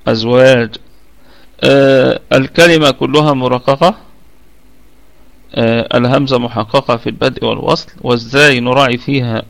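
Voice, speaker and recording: This is a man with an Egyptian Arabic accent leading an online tajweed lesson. His voice has a gravelly, creaky texture and sits at an ordinary middle pitch. He teaches in a slow, explanatory way and often repeats words aloud as models for his students. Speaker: Quran recitation teacher. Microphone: online voice chat.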